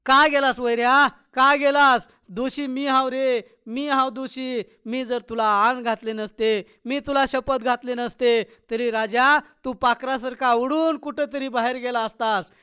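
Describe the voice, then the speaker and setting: A man's voice: extremely high pitch, fairly even intonation, a little slow, hardly any pauses, clear, resonant tone, pitched above the performer's own voice, heavily acted. A man voicing a wailing village mother in grief. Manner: keening, loud lament.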